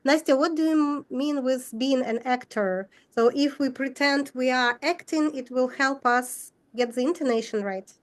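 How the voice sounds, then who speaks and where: A woman with a high voice hosts an online workshop. She addresses her listeners directly and moves things along with quick, pointed questions. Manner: direct, brisk questions to the audience. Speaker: workshop host.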